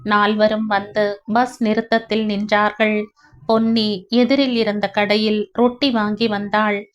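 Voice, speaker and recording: A woman narrating a family story aloud in a slow, emotional reading style. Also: medium pitch, flat delivery. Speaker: audiobook narrator. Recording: dull lo-fi recording.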